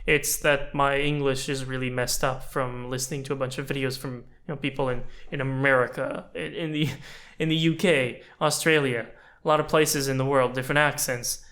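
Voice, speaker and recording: This is casual reflective talk from a twenties-aged YouTuber and animator whose native language is French. He reviews his channel thoughtfully, with self-deprecating, chatty asides, in a mid-range voice of fairly bright tone.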